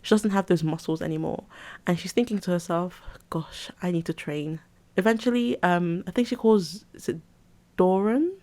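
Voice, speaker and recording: A woman recaps a story in a relaxed, chatty way, with plenty of fillers and restarts. Her voice sits a little low and carries a gravelly fry. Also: normal speed. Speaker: webcomic recapper.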